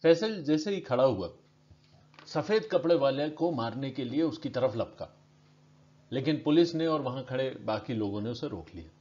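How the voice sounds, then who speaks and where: A man reading his own story aloud in steady, measured narration. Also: medium pitch. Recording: dull lo-fi recording.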